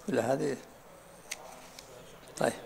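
A man teaching a study circle as sheikh, explaining texts at an unhurried pace and often asking students to repeat what they said. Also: medium pitch, vocal fry, a crowd in the background. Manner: unhurried, often asks "ha?" to have things repeated. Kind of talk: lesson commentary with questions and answers.

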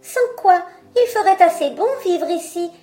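A woman's voice: very high-pitched, animated, unhurried, dark tone, soft background music, pitched above the performer's own voice. A woman voicing a chorus of tiny, curious mice who ask eager, nosy questions.

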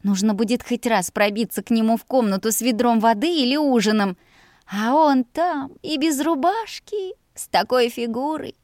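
A woman's voice: on the high side, brisk, few pauses, a little mellow, no echo, clean studio sound, natural voice. A woman voicing a dreamy, giddy young maid. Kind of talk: audiobook character voice.

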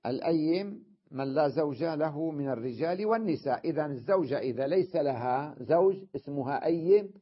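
A man's voice: fairly high pitch, expressive, brisk, husky. A man teaching an Arabic grammar class, explaining patiently and often checking that his students follow. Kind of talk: classroom lesson. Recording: dull lo-fi lecture recording.

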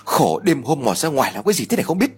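A man voicing a gruff old village father who barks orders at his wife. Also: on the high side, very animated, very fast, a little mellow, pitched above the performer's own voice, heavily acted. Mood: impatient. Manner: brusque, barking orders.

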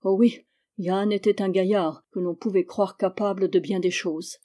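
A woman reading a novel aloud in a measured, descriptive narration. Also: mid-range voice, fairly even intonation, mellow. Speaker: audiobook reader. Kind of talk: literary narration.

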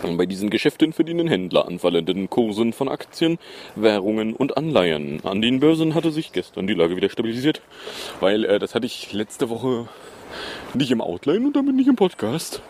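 A man hosting a solo podcast in a casual, sarcastic way, often stopping on fillers. His pitch swings widely, and a faint noise hums behind him. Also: very animated, moderate pace, a little mellow. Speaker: podcast host.

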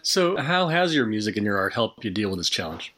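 Guy hosting a science interview show, kinda low voice, reading his intro. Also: big pitch swings, brisk, pushed and bright.

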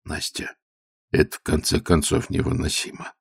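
A man voicing a dignified elderly retired rear admiral who speaks quietly and with calm composure. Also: extremely low pitch, normal speed, gravelly, breathy edge, no room sound, studio quality, exaggerated voice. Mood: pleading.

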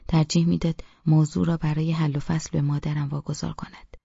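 A man with a gravelly, husky voice reading a novel in first-person narration. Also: a little high, no room sound, lo-fi sound. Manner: flat, even reading. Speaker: audiobook narrator.

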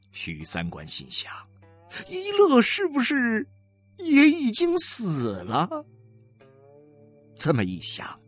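A man's voice: on the high side, fairly bright tone, breathy edge. A man narrating a literary novel as an audiobook, dramatic and emotionally varied, with faint music behind.

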